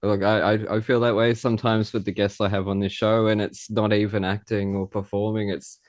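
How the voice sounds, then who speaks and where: A man's voice: fairly low pitch, little pitch movement, brisk, no room sound, clean studio sound. A man hosting a podcast, chatting loosely about musical theatre. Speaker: host. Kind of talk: casual chat.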